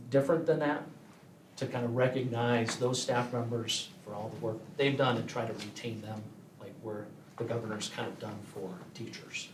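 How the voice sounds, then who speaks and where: A man's voice: medium pitch, slight background noise. Man explaining budget details in an echoey room. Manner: measured and explanatory, with frequent filler pauses. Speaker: school administrator reporting to a board. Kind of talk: meeting report. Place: school board meeting room. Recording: echoey meeting room, voice from far off.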